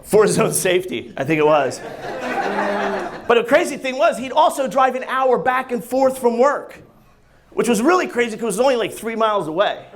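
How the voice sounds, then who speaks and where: A man from New Jersey with a New Jersey accent doing a brash, profane stand-up set, singing and shouting bits on a comedy club stage. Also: extremely high pitch, very animated, normal speed, noisy background. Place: comedy club stage before a laughing audience. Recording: live club crowd audible.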